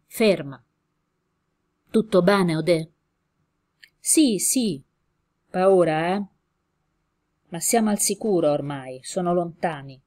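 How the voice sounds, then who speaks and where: A steady, protective male innkeeper from a storybook, as a woman reads him aloud. He speaks in short, gruff commands and plain, kindly words. The voice sits low and deep. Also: slow pace, pauses often. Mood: calm.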